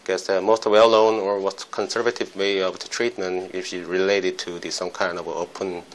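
A man's voice: sits low, level tone, normal speed, poor audio. A man in his forties, a spine surgeon answering interview questions in his office, speaking hesitantly with many fillers. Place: doctor's office, indoors.

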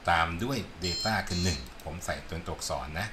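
Deep-voiced man teaching code over noise. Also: expressive. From Thailand. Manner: unhurried, explains step by step, asks "see?" often. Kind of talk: screen-recorded coding tutorial. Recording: loud background noise.

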